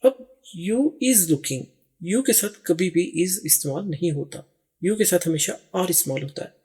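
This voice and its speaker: A man's voice: high-pitched, expressive, dark tone, breathy edge. A man, teaching English grammar and patiently walking through each answer option step by step. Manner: reads each English phrase slowly and deliberately. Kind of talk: explaining grammar exercises.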